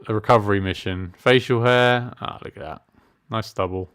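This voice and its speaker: A middle-aged man streams a game in a lowish, fairly bright, clean voice at normal speed. He chats casually and self-mockingly through the let's-play, reading menu choices out loud.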